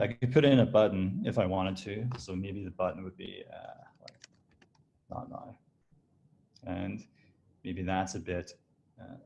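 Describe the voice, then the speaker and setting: Man, design director, casual screen-share demo voice, lowish pitch, easygoing and explanatory. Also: vocal fry, a little hiss or hum. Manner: relaxed, explanatory, with frequent restarts and fillers. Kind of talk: screen-share software walkthrough.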